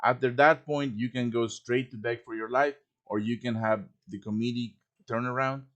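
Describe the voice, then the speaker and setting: Over online voice chat, a man live-streams a relaxed lesson on designing game quests, often pausing to check on his audience in his chatty way. His mid-range voice is fairly bright, with a steady tone and moderate pace.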